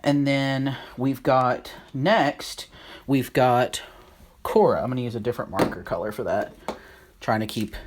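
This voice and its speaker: Casual Bible study host, mid-pitched, slow and halting, writes as they talk. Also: steady tone, a little hiss or hum. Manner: halting, unsure of names, thinks aloud while writing. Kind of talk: casual Bible lesson at a whiteboard.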